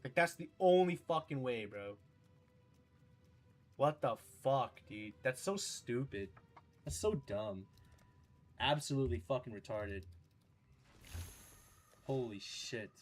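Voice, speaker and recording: A man's voice: medium pitch, animated, slow pace, long pauses, soft background music. A man streaming a game live, talking casually and ranting with heavy profanity about his build and the challenge.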